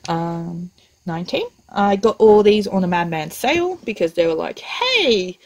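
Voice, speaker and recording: A young woman, chatting casually and excitedly, ranting a little and swearing now and then. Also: on the low side, moderate pace, poor audio. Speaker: vlogger. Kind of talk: casual chat.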